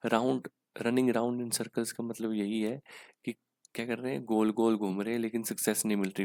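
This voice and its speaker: Gravelly, flat-voiced Indian man teaching. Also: on the low side, no echo. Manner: explains in Hindi with English terms, frequent "ठीक है". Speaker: English teacher. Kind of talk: exam-prep lesson.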